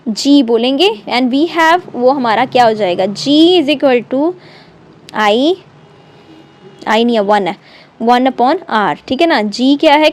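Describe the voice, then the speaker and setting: High-voiced woman teaching chemistry. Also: darkish tone. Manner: reads English textbook lines slowly, then explains fast in Hindi with English terms; keeps asking the class questions and checking in. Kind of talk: classroom lecture.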